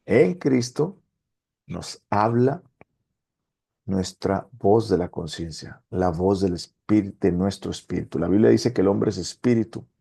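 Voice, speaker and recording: A man, a pastor, teaching a Bible study with animated delivery, often pausing to ask his listeners if they follow and reading verses aloud. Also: low-pitched, vocal fry, breathy edge. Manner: animated preacher, asks rhetorical questions and reads verses aloud.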